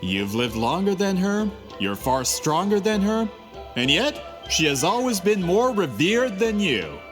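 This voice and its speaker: In a game cutscene, a man plays a smug, scornful printing merchant who is greedy and scheming. He speaks in a high, very animated voice at a measured pace, with reverb and music in the game audio.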